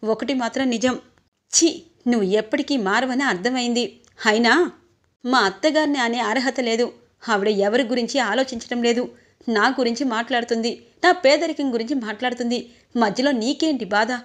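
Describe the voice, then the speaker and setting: A woman voicing a fierce young married woman who scolds loudly and indignantly in a storybook retelling. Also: on the high side, normal speed, pauses often, lightly acted. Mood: furious.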